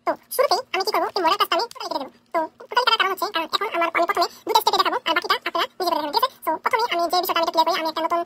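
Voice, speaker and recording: Rapid-fire woman coding tutor. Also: very high voice, sharp tone, slight background noise. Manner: rapid, keeps checking in with "okay?". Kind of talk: screen-recorded coding tutorial.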